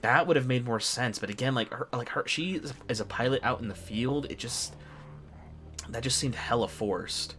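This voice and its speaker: A man giving casual gameplay commentary, earnest and halting as he rambles through his reactions. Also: mid-range voice, pushed and bright, a little hiss or hum. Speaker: gamer reacting to game story.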